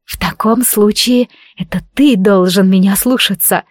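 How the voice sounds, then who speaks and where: A woman voicing a spirited young heroine in love who talks in a breathy, teasing, playful way. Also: medium pitch, measured pace, dry recording, studio quality, close to an everyday voice. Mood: breathless teasing.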